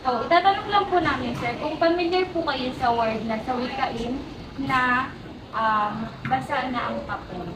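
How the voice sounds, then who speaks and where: A woman's voice: high-pitched, a little slow. A young woman student interviewer asking short, very deferential questions. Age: young adult. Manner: polite, very deferential, uses "po" a lot. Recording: echoey, distant mic, loud background noise.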